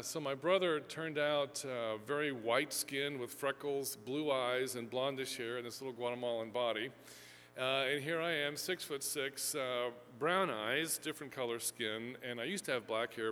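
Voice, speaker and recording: Speaking at a fixed lectern mic in a lecture hall, a Houston, Texas seminary professor rambles through a talk to a live audience, using lots of fillers and poking fun at himself in a chatty way. His voice is mid-range and a bit bright. The hall is echoey and carries a faint hum.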